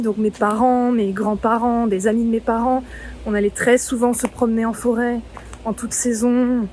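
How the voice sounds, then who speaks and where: With a slightly high, darkish voice and a little hiss or hum on the recording, this woman from the Yvelines in France vlogs her travels. She talks casually on an outdoor forest trail, musing aloud and using lots of fillers.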